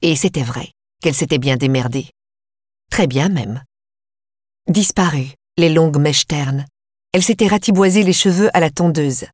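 A woman narrating a first-person story for an audiobook in a measured, calm way. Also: low voice, no echo, clean studio sound.

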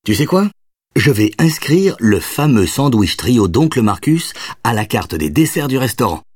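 A weary father who speaks firmly, a touch exasperated, his husky voice only a little raised as the narrator plays him. It is an audiobook voice, close and dry. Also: on the low side, sing-song, fairly quick, no room sound, far from the mic, pitched above the performer's own voice. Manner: firm, a bit exasperated. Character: weary single father, stern but tender.

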